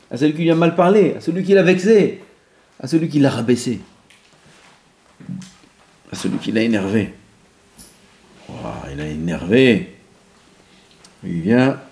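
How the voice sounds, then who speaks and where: Animated man giving a Torah class. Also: medium pitch. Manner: animated, mixes Hebrew terms, acts out quoted voices. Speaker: rabbi teaching a class. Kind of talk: lively Torah lesson.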